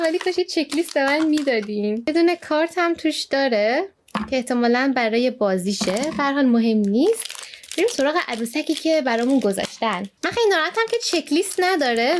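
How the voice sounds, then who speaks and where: A woman chatting to her viewers while unboxing collectible toys, gushing with excitement and calling out to her audience often. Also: on the high side, a little hiss or hum. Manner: excitable, gushing, frequent squeals of delight; addresses viewers warmly and often. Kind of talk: casual unboxing chat to viewers.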